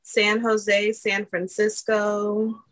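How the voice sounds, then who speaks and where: A woman co-hosting a casual podcast chat, calmly listing places in a matter-of-fact way with some teasing. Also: medium pitch, drawn-out words, no echo, low-quality recording. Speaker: podcast co-host reading analytics.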